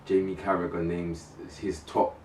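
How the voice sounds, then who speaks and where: A man with a London accent telling things in a slangy, animated way in a casual group chat. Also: low-pitched, unhurried. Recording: roomy, distant mic, faint noise.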